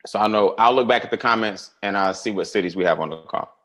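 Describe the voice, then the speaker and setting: A man hosting a live money webinar, greeting viewers by name and telling stories in a casual, animated way. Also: on the low side, fast. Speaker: webinar host.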